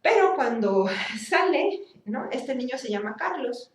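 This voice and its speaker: High-voiced woman lecturing, echoey room. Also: sing-song, unhurried, distant mic. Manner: explanatory, demonstrates sounds with exaggerated articulation. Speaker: speech therapy lecturer. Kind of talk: university class lecture.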